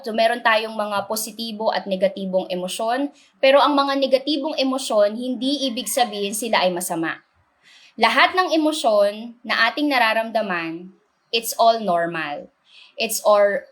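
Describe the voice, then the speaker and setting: A woman's voice: fairly high pitch, fairly bright tone. A Filipino woman teacher explaining a lesson patiently in simple steps, checking in with short questions and switching between two languages. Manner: switches between Tagalog and English.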